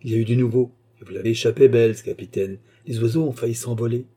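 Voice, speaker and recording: A man's voice: medium pitch, fairly even intonation, fast, warm tone, breathy edge, natural voice. A man voicing a cocky, sly young rascal with an insolent, mocking manner in a storybook reading.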